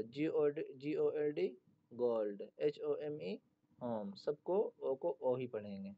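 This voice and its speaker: A man teaching a class, patiently spelling out words letter by letter and explaining how each one is pronounced. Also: medium pitch. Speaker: English teacher. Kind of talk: classroom lesson explaining pronunciation. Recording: dull lo-fi recording.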